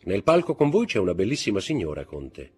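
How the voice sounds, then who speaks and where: A cool, aloof young lady, as a male reader voices her, detached and quietly sly. The voice stays husky, with a lively pitch. Faint music runs under the storybook reading. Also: a little fast, full character voice.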